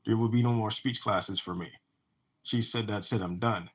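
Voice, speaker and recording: A man's voice: fairly low pitch, fairly even intonation, normal speed, slightly rough. A man who talks about his own life in a rambling monologue, often restarting and repeating words. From United States. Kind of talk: personal monologue.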